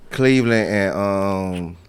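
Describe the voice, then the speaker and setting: A man's voice: low-pitched, slow, smooth. A man talking sports in a casual, slangy debate, argumentative and repeating himself to make his point. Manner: slangy, informal. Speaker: sports talk co-host.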